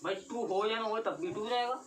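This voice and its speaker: A woman with a medium-pitched voice teaches a ninth-grade math class at a fairly quick pace, repeating herself and putting question after question to her students. She was recorded from a distance, with faint noise in the background.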